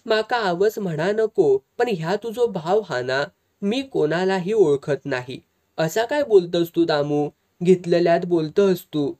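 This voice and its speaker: A woman's voice: fairly low pitch, expressive, a little slow, mellow. Village stepmother with a Malvani accent, pleading; the reader doing her.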